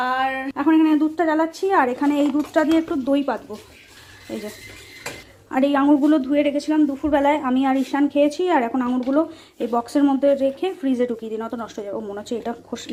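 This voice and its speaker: A woman in her thirties, hoarse from a cold, chatting casually to viewers as a family vlogger at home. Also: high voice, darkish tone, slight background noise. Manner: chatty, talks to viewers as friends. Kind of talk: casual chat to camera.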